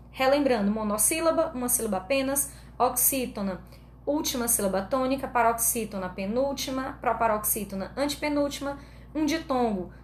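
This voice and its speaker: A woman teacher with a Brazilian Portuguese accent giving an online grammar lesson, explaining patiently step by step and checking in with her students often. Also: a little high. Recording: echoey room with faint background noise.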